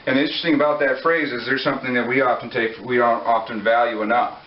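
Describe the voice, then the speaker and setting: A man gives a sermon to a congregation in a conversational style, joking and asking his listeners questions. His medium-pitched voice keeps a steady tone at a quick pace. The recording is dull and lo-fi, made far from the mic in an echoey room.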